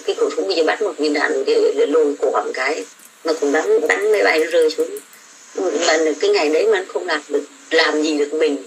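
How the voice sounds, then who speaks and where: A woman's voice: deep voice, slight background noise, poor audio. An older woman, a domestic worker abroad, ranting about politics in a blunt, scolding way. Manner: blunt, scolding, coarse words. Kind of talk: casual political rant.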